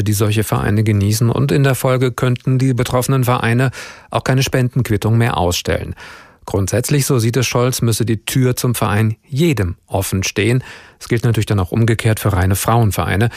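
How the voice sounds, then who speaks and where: Radio news host guy, normal pitch, asking interview questions, dry studio sound. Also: a little mellow, dry recording.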